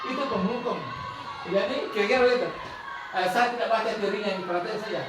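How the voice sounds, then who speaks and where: A woman's voice: mid-range voice, quick pace. Woman presenter in an echoey room. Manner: explanatory, acts out classroom examples. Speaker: school principal and facilitator. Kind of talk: webinar module presentation. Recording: echoey room, mic far off, crowd noise.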